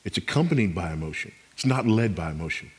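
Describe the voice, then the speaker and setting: A man's voice: low voice, animated, fast, slightly rough, big-room sound. A man preaching a sermon as pastor, emphatic, repeating his key phrases.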